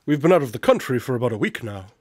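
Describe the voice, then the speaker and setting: An actor playing a shrewd, inquisitive consulting detective in a radio drama, with a measured manner. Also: male voice, medium pitch, sing-song, dry recording, clean studio sound. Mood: probing.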